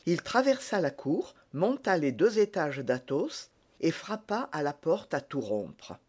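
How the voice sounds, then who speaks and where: A man reading a novel aloud as narrator, slow and measured. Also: a little high, very animated, a little mellow, breathy edge. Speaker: audiobook narrator. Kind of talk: scripted narration.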